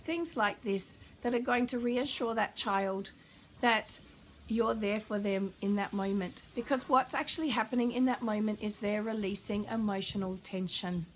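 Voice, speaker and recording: A woman parenting coach answering a viewer's question, explaining calmly and warmly. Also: medium pitch, moderate pace, slight background noise, rough recording. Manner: calm, warm explanatory advice.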